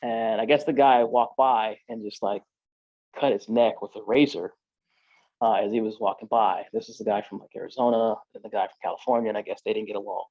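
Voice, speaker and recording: A man's voice: fairly low pitch, fairly even intonation, brisk, no echo, muffled recording. A man, a podcast guest, telling his own story in casual street slang, full of "like" and "you know".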